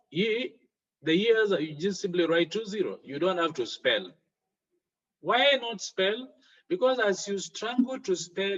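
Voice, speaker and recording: A man's voice: sits high, a bit bright, muffled recording. A man teaching a French exam lesson, explaining each step with worked examples.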